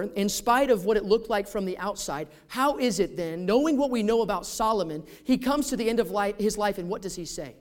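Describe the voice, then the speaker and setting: A man preaching a sermon in a conversational way, asking the congregation rhetorical questions. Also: high-pitched. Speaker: pastor.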